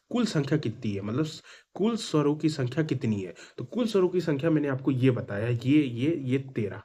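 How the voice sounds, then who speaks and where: A man's voice: a little high, dark tone, slightly rough. A male teacher giving an exam-prep grammar lesson, asking and answering his own questions and repeating key points with emphasis.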